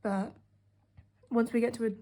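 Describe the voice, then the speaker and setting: A young British woman with a mellow, warm voice talks through her sketchbook in a rambling, offhand way. Her sarcastic asides come between plenty of fillers. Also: fairly high pitch, little pitch movement, normal speed. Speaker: art vlogger. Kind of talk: casual sketchbook tour narration.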